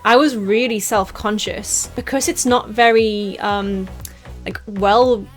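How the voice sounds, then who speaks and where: A young woman from northeast England, with a softened Teesside accent, chatting in a casual Q&A vlog. She rambles with lots of "like" and little laughs as she answers fan questions. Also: medium pitch, steady tone, slow, soft background music. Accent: softened Teesside English.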